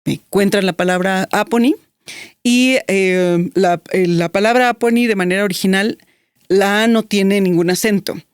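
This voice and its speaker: A woman's voice: medium pitch, moderate pace, smooth, no room sound. Lady in her 40s telling her story, lots of "este", dry close mic. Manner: reflective, many "este" fillers and restarts. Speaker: guest, business strategist. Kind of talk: personal storytelling in an interview.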